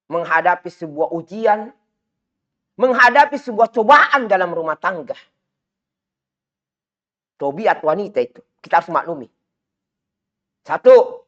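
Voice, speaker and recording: A man with a Makassar Indonesian accent giving a religious lecture, emphatic and repetitive, climbing higher to stress his points. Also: pushed and bright. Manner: emphatic, repetitive, rising to raised pitch for stress. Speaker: Islamic teacher. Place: study hall. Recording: dull lo-fi recording.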